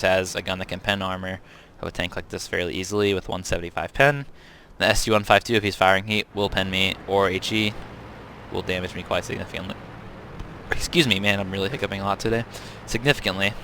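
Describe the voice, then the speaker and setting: Low-voiced man narrating tank gameplay. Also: a little hiss or hum. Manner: casual, chatty, self-correcting with ums. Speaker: game reviewer. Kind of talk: gameplay commentary over replays. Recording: tank game sounds loud behind voice.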